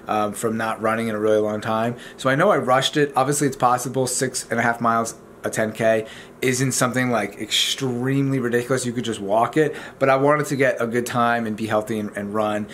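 A young man talks to the camera in an informal, chatty vlog style. His voice has a medium pitch, and he explains things casually from a living room, with noticeable background noise. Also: steady tone, a little fast, a bit bright. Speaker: vlogger. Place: indoors in a home living room.

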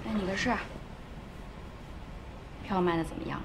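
A woman's voice: mid-range voice, normal speed, creaky, slight background noise, lightly acted. A woman acting in a TV drama, speaking in a worried, questioning way. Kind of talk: TV drama dialogue.

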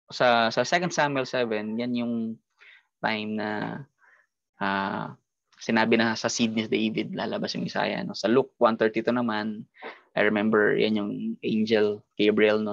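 A man with a Filipino accent teaches an online Bible study, his voice grainy with a gravelly rasp. He explains patiently, checking in with short tag questions. The audio is dry and a little muffled, like an online call. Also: lowish voice, little pitch movement, measured pace, no echo. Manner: explains with frequent tag questions and mixes English into Tagalog.

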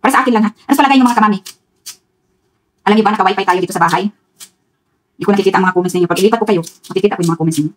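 A woman's voice: medium pitch, very fast, pauses often. A middle-aged Filipino woman chatting to viewers in a rambling home cooking vlog. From Philippines. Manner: rambling, talks straight to viewers, frequent laughs. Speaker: vlogger. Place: home kitchen.

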